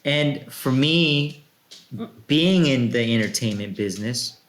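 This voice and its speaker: A man's voice: medium pitch, animated, slow, fairly bright tone. A man in his late thirties hosting a casual podcast, telling stories in a laid-back way with fillers. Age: 30s. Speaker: podcast host. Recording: roomy echo.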